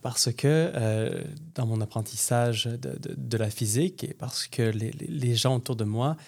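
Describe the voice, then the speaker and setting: A man interviewing a guest, forming long questions with many repeated words and pauses. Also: mid-range voice, vocal fry.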